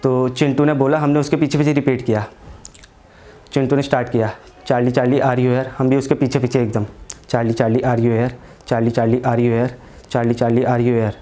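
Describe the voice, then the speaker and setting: A man's voice: mid-range voice, little pitch movement, moderate pace, warm tone. A young man doing stand-up comedy, telling a story in a crude, slangy way and acting out his friends' lines.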